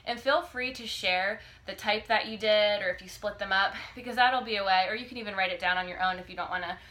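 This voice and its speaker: A woman in her thirties giving a casual, halting exercise demonstration as a fitness coach, often checking in as she instructs. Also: mid-range voice, bright, forceful tone. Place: living room, indoors. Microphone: phone or camera a few feet away. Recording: noisy home video, phone mic.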